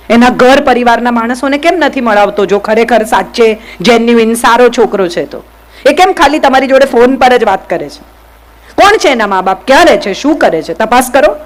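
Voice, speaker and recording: The recording is low quality, capturing a slightly high female voice. She's from Gujarat, India, and in her motivational speech she talks directly to the crowd and throws questions at them.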